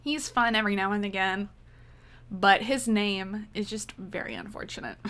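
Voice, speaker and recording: Slow-talking, higher-voiced woman gamer. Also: a bit bright. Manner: chatty, dryly sarcastic. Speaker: gaming video creator. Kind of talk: casual tier-ranking vlog.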